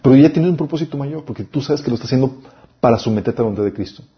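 A man's voice: medium pitch, racing, dull audio. A man preaching a sermon-style Bible lesson, emphatic, listing points and reading scripture aloud.

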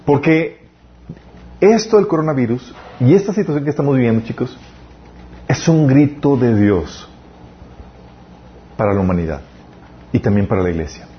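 A man's voice: medium pitch, animated, dull audio, slight background noise. Man preaching casually. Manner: conversational, with many restarts and emphatic slowed phrases. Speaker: youth pastor. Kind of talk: sermon. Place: church.

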